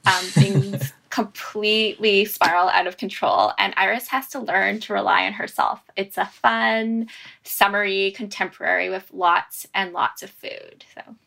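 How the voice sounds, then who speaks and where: A woman's voice: mid-range voice, steady tone, measured pace, creaky, sharp tone. A woman author on a panel, bubbly and peppered with ums. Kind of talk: casual panel discussion.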